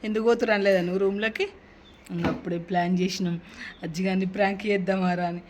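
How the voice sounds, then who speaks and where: A woman's voice: medium pitch, steady tone, fast, darkish tone, slight background noise. A woman, teasing and coaxing a kid after a prank, pressing him with questions. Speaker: prank vlogger. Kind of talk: casual teasing chat.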